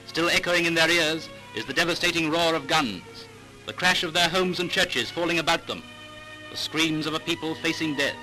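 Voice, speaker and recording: A man's voice: a little high, low-quality recording. A man narrating an old newsreel in a dramatic, declaiming commentary style. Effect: old newsreel soundtrack with music. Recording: old newsreel sound with music behind.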